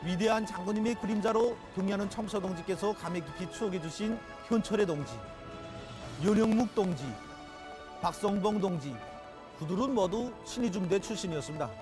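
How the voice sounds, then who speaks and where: A man's voice: high voice, fairly quick. A man with a North Korean accent giving a solemn, reverent scripted oration in a declamatory manner. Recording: loud music under voice.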